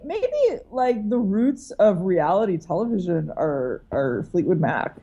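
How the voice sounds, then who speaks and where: A woman guest author in a casual chat, making quick wry asides. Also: mid-range voice, sing-song, mellow, breathy edge, highs cut off. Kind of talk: casual conversation.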